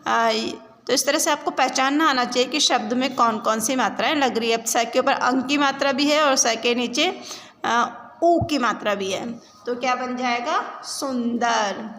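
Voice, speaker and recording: A woman teaching a class of young children, sounding out words slowly, then asking and answering her own questions. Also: high voice, a bit bright. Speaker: primary school teacher. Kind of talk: online class lesson. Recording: roomy reverb, faint background noise.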